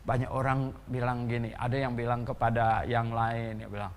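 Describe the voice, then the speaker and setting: A man pastor giving an animated sermon in a church, full of rhetorical questions and chuckling asides. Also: medium pitch, moderate pace, long reverb tail, slight background noise.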